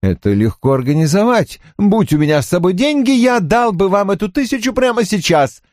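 A man's voice: high voice, big pitch swings, fairly quick, darkish tone, dry recording, clean studio sound, voice pushed up. A man reading an audiobook, voicing a pushy, persuasive male businessman who keeps pressing his offer. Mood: bargaining. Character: pushy smooth-talking male businessman, insistent. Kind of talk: audiobook character voice.

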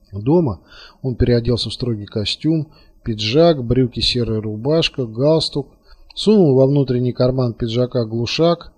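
A man reading a novel aloud in a steady, measured audiobook narration. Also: mid-range voice.

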